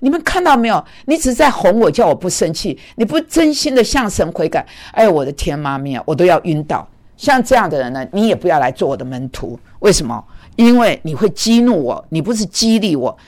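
Woman preacher, blunt, scolding, lower-pitched voice, animated delivery. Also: brisk. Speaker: preacher and mentor. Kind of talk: sermon. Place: speaking in Manhattan.

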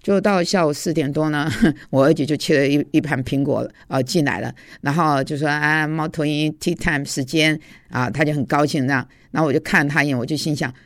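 A man's voice: a little high, fast talker, few pauses, dry recording, studio quality. A man who teaches at a seminary and preaches, giving an informal devotional talk in a confessional storytelling way with frequent hesitations.

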